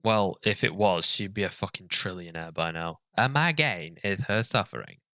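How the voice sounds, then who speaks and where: A man's voice: sits low, expressive, moderate pace, bright, forceful tone, no room sound. A man giving profane, sarcastic commentary as he reads a story and rants about it. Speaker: comedic reader and commentator.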